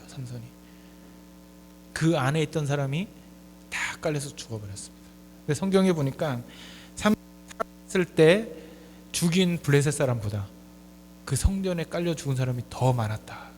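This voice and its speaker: A man in his forties preaching a sermon as pastor, swinging from soft, low asides to loud, high, emphatic appeals. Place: church sanctuary. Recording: hall reverb with faint mains hum.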